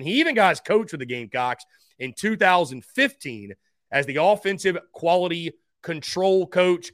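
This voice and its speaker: A man's voice: fairly high pitch, fairly bright tone, no echo, studio quality. A man hosting a sports countdown, announcing rankings and names with emphasis and talking to listeners as guys. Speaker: sports host counting down a ranked list. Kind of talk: top-five countdown sports commentary.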